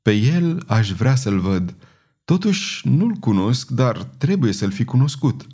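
A man's voice: medium pitch, sing-song, warm tone, slightly rough. A man voicing Saizuma, a dazed wandering fortune-teller. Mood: wistful. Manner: slow, murmuring, dazed delivery. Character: wild-hearted madwoman, a wandering fortune-teller.

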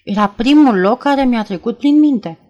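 A woman voicing an anxious, talkative young woman in an audiobook, speaking in a worried, hurried way. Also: a little high, expressive, highs cut off, voice pushed up, close to an everyday voice. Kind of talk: audiobook character reading.

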